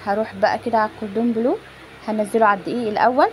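Speaking very fast in a steady, slightly mellow voice that sits a little high, a woman with an Egyptian accent talks her viewers through a home recipe. Her narration is casual and direct, and the phone recording is poor, with clear background noise.

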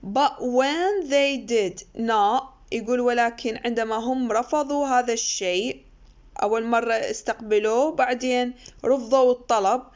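A woman lecturer, explaining an English text line by line in with many pauses and fillers. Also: on the high side. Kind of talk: recorded university lecture. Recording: muffled lo-fi recording.

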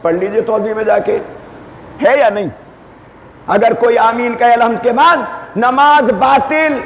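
A male cleric delivering a Muharram sermon, asking the crowd rhetorical questions and shouting key points for emphasis. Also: very high-pitched, fairly even intonation, slight background noise. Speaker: maulana giving a majlis. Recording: echoey hall with faint ambience.

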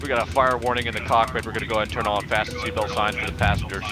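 A man's voice: on the low side, fairly even intonation, rapid-fire. A man in a multiplayer flight game, playing at pilot radio talk with fake cockpit lingo. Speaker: multiplayer flight sim player. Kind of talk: mock pilot radio chatter. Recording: noisy voice chat over game sounds.

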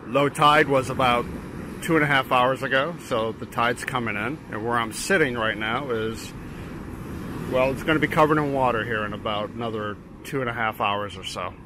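Relaxed and chatty, a middle-aged photographer from Portland, Maine, narrates a casual vlog while shooting on a rocky beach at dawn. His medium-pitched voice runs at a normal speed, with plenty of fillers and restarts as he explains his work, and the waves and ambient surf are clearly audible behind him.

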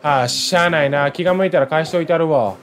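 A man's voice: a little high, quick pace, faint music behind, natural voice. A man reading a blunt Kansai gangster. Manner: blunt, scolding. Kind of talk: reading game dialogue aloud.

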